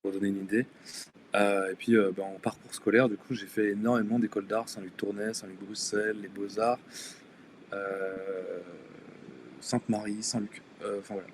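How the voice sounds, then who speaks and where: A young Danish man, a non-native French speaker, joins a live stream as a guest illustrator and tattoo artist for a casual chat. His voice sits on the low side with little pitch movement and a moderate pace, and he speaks hesitantly with many fillers and restarts. There is slight background noise.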